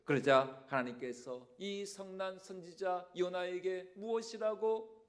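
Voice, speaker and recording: A male senior pastor preaching a Sunday sermon in a church sanctuary, animated and questioning the congregation. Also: high-pitched, measured pace.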